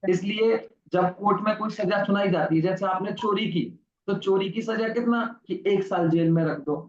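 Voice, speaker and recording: A man's voice: sits high, steady tone, moderate pace, echoey room, lo-fi sound, slight background noise. A man teaching a religious lesson to children, telling a story and asking questions he answers himself. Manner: asks the class questions and answers them himself. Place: online class recording.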